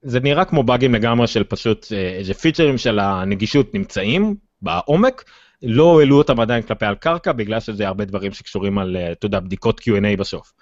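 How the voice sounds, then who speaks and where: A man with an Israeli accent hosting a casual tech discussion, speaking haltingly with many filled pauses. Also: on the low side, lively intonation. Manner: hesitant, halting delivery with frequent filled pauses. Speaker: tech podcast host. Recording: dull, roomy, lo-fi sound.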